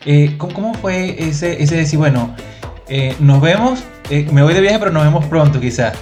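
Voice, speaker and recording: An interviewer asking gentle follow-up questions and affirming what the guest says. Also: medium pitch, animated, normal speed, faint music behind. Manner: supportive, short affirmations. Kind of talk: conversational interview.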